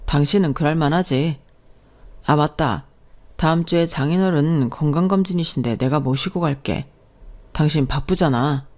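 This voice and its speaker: A woman reading the lines of a kind, meek young husband who speaks softly and apologetically. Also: low voice, normal speed. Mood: gentle.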